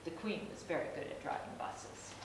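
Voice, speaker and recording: A woman reading a storybook aloud in an expressive, animated way, as if to a toddler. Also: normal speed, creaky. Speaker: storybook reader. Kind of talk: animated read-aloud to young children. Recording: echoey room, distant mic, noisy rumble.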